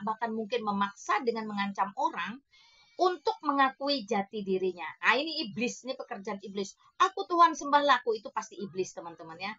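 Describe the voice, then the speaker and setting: Woman doing an apologetics talk, bright sharp voice, highish, kinda dull lo-fi sound. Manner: emphatic, rhetorical questions to the audience; mixes in English words. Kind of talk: apologetics monologue to viewers. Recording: dull lo-fi recording.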